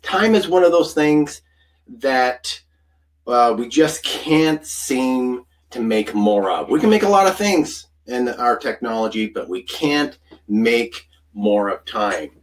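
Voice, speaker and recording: A man's voice: mid-range voice, expressive, slow, recorded from a distance. A man, a food scientist, giving a live online presentation in an earnest, storytelling way with frequent ums and uhs.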